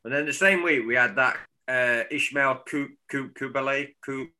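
A man co-hosts a casual football podcast, rambling from one story to the next and joking along the way. His voice is bright and forceful. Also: mid-range voice, normal speed. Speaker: podcast co-host. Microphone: remote call, cuts out.

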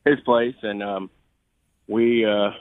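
A man calling in by phone from a trade show, talking about products with lots of pauses and fillers. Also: lowish voice, steady tone, no room sound. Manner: halting, many fillers. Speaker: caller from a hunting gear company. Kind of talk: casual phone interview. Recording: tinny phone line.

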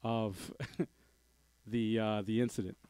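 A man's voice: fairly low pitch, little pitch movement, slow pace, warm tone, smooth, no echo. A man co-hosting a podcast, telling news stories in an informal, hesitant, profane way. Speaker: podcast co-host presenting news. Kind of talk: casual, profane news chat.

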